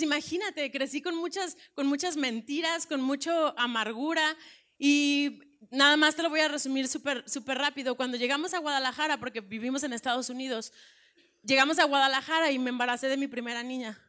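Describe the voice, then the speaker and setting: This woman pastor, in her thirties and speaking with a Mexican Spanish accent, gives her testimony at a church breakfast event. Her sermon is earnest and conversational with many restarts, delivered in a high, bright, forceful voice at a fairly quick pace.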